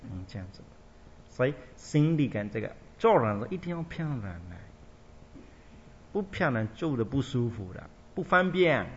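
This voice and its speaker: A man's voice: very animated, normal speed. A man speaking as a Buddhist monk giving a dharma talk, rambling, repetitive and emphatic in colloquial phrasing. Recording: dull lo-fi recording with faint rumble.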